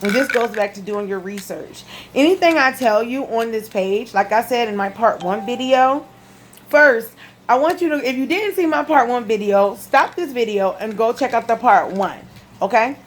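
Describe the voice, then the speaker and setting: A woman with a lisp, a video blogger sharing a health testimony, talks casually and emphatically to her viewers from her living room, repeating key points in direct-to-camera chat. Her voice is fairly high and at normal speed, with slight background noise.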